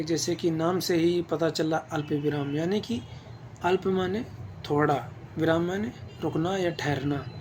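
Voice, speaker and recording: A man's voice: a little high, darkish tone, a little hiss or hum. A man teaching an exam-prep grammar lesson, explaining patiently and checking in with his listeners as he goes.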